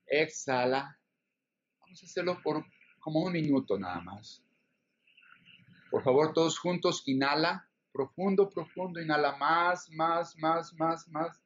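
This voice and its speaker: A man with a slightly high voice leads a guided breathing exercise. He counts breaths slowly, giving short instructions and repeating them. The recording is a little dull and lo-fi. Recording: dull, lo-fi sound.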